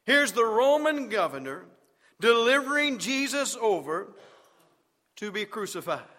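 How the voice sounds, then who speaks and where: High bright-voiced male preacher, emphatic sermon delivery, long reverb of a church sanctuary. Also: very animated, a little slow. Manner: emphatic, rising to shouts on key words.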